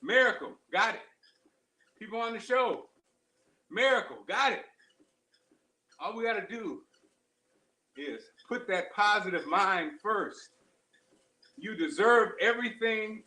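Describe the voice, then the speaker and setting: A man with a high, bright voice talks while running on a treadmill in a roomy, echoing space. He gives a casual motivational pep talk like a show host, in short exerted phrases, repeating key lines with firm emphasis. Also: a little slow, long pauses. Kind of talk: casual motivational livestream chat. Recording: roomy, echoing live-stream sound.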